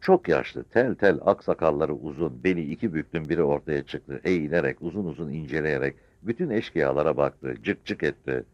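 A man with a very low voice narrates an audiobook with lively, expressive intonation. The recording is dull and lo-fi, with dry, close sound. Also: a little fast, hardly any pauses, no echo. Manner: expressive storytelling reading.

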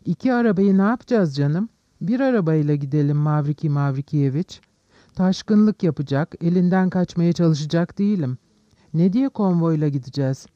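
A man's voice: fairly high pitch, normal speed, no echo, dull audio, natural voice. A man voicing an impulsive young male nobleman under arrest, in a pleading, agitated way.

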